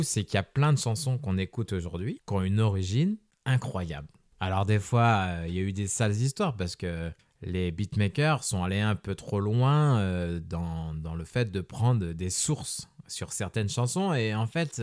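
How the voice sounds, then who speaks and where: A man hosting a podcast, explaining things in a relaxed, casual way, often pausing with filler sounds and restarting his sentences. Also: lowish voice, dry recording, clean studio sound. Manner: relaxed, conversational. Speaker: podcast host.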